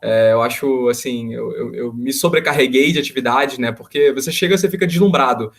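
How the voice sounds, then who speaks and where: This clip features a young man in his early twenties, a university student from the West Zone of Rio de Janeiro, Brazil, speaking as an interview guest. His mid-range voice is brisk and creaky, with a Rio Brazilian Portuguese accent, as he recounts his story informally and wanders from point to point.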